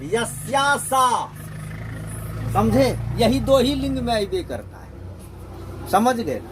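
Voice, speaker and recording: A male teacher with a strikingly high voice leads a grammar lesson. He talks at an unhurried pace, asks the class questions and repeats his points to drill them in. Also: big pitch swings, darkish tone, a little hiss or hum.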